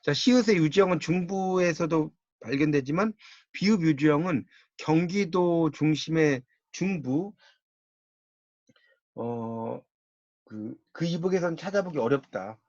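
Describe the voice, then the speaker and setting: A man's voice: on the high side, moderate pace, darkish tone, no room sound, highs cut off. A man with a Gyeongsang accent giving a university-style lecture on Korean linguistics, explaining patiently and repeating key words.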